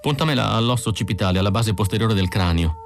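A man's voice: on the low side, lively intonation, quick pace, slight background noise. A man reading an audiobook, voicing a young female android who sounds tense and pleading, in a raised voice. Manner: anxious, breathless pleading.

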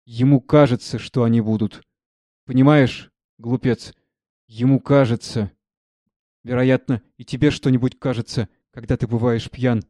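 A sharp-tongued male servant who sneers at his companion, as a man reads him. The delivery is close to his own dark, mellow voice, recorded dry. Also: medium pitch, steady tone, normal speed, no echo, close to an everyday voice. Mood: mocking. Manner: mocking.

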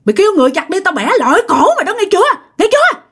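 A woman voicing a menacing old woman ghost with a Southern Vietnamese accent, speaking harshly and quickly. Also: very high voice, big pitch swings, pushed and bright, pitched above the performer's own voice, heavily acted. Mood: furious threatening. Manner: harsh, rapid, threatening.

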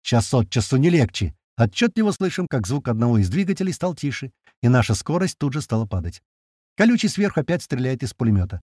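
A male narrator telling a first-person action story with tense, lively drive. His husky voice swings widely in pitch. The recording is dry, with no room sound. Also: fast talker, no room sound. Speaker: audiobook narrator.

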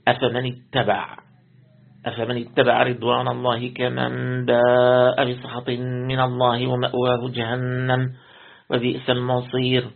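A man, a sheikh, reads a religious commentary aloud as a lesson, in a gravelly voice. He reads steadily, repeating words when he corrects himself. The recording is tinny and lo-fi, like a phone line. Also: medium pitch, monotone, moderate pace. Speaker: sheikh reading and explaining a commentary.

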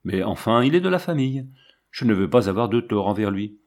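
Cold, calculating fairground widow, calm and detached, read by a man in his own low voice. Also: a little fast.

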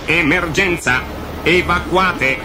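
A man voicing a male robot computer in a storybook reading, speaking in a flat, machine-like way and calling out warnings. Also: medium pitch, takes it slowly, voice pushed up, lightly acted. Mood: alarmed. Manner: alarmed warnings. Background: music.

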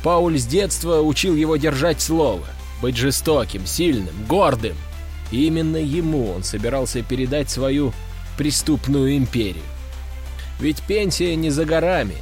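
A man narrating a crime story in an even, measured storytelling manner. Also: on the high side. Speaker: audiobook narrator. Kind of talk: scripted narration. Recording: dry close studio sound, faint music.

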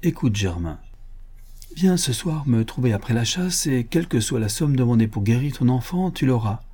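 A man reading an audiobook, voicing a cheerful, generous young prince with a brisk, kindly commanding manner. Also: medium pitch, animated, mellow, slightly rough. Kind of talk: audiobook character voice.

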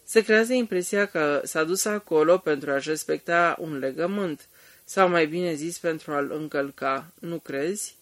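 A man's voice: on the high side, a bit bright, natural voice. A man voicing a talkative, pushy male journalist who chatters eagerly about his theories in an audiobook. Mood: musing.

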